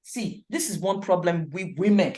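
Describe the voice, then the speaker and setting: Blunt woman in her 40s, lower voice, instructor addressing a class in an echoey room. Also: moderate pace, mellow. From Nigeria. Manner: emphatic, blunt, repeats for stress. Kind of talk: frank motivational talk in class.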